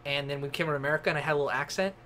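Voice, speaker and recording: Bright-voiced casual young man. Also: a little high, rapid-fire, a little hiss or hum. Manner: relaxed, rambling, laughs easily. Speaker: podcast co-host. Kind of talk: casual chat.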